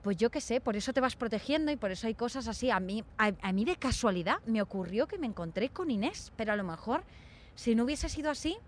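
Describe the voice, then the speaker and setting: A woman's voice: on the high side, expressive, fast. A young woman from Spain chatting casually and telling stories, acting out the voices of people she quotes. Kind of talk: casual chat.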